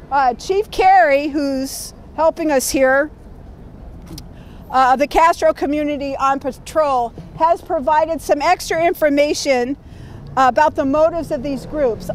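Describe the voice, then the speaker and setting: Woman, high pitch, teacher voice, training a group outdoors over faint street noise. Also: slow pace. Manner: projecting teacher voice, checks in with the group. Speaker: community training leader. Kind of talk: reading a training guide aloud to a group.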